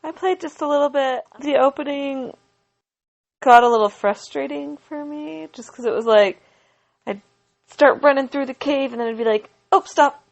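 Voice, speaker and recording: Gravelly higher-voiced woman in casual chat. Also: normal speed, highs cut off. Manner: chatty, playful, laughs easily. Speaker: podcast guest, host's wife.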